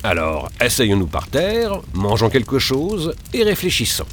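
Storybook: man voicing a jumpy, always-hungry boy adventurer, pitched high, lively. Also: unhurried, slight background noise. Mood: excited. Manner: excitable, shouting exclamations. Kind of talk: storybook character reading.

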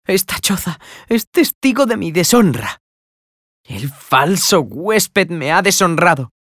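A desperate young fisherwoman cries out in a high, strained voice, played by a man. Her pitch leaps widely as she calls for help. The sound is dry and close. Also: very animated, slow, a bit bright, dry recording, exaggerated voice. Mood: anguished. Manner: raised falsetto, anguished cries.

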